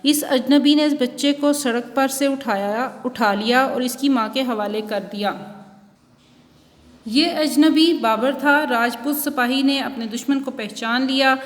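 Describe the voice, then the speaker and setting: High-voiced woman teaching a class. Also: big-room sound. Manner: reads textbook examples and a story aloud, explaining slowly. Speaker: school teacher. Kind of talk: online Urdu class lecture.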